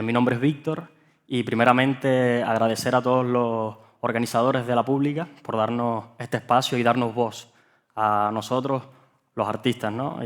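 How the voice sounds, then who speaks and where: A man from Cuba with a Cuban accent, an actor talking earnestly at a panel, pausing on fillers and repeating words. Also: medium pitch. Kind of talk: panel talk. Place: event hall.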